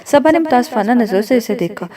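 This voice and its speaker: A woman narrating an audio novel with steady storytelling. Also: fairly high pitch, a little fast, crowd noise.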